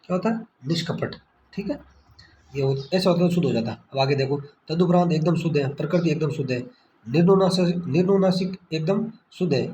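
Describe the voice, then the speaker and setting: A man with a fairly high voice tutoring through exam questions. He quizzes himself aloud and repeats each answer, checking in with "okay" over and over. The sound is echoey with a faint hiss, recorded on a phone screen-recorder. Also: brisk, dark tone. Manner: repetitive quiz-style questioning, frequent "ठीक है". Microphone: screen-recorder phone mic.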